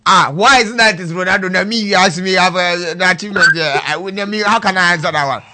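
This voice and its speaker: A man hosting a call-in radio show, loud and laughing, mixing pidgin into his English. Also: high voice, quick pace, noisy background.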